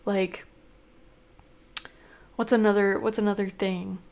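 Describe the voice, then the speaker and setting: Slow and darkish in tone, this young woman's medium-pitched voice moves little in pitch. She's vlogging casually, rambling and venting with exasperation, using lots of fillers while sounding slightly congested and sniffly.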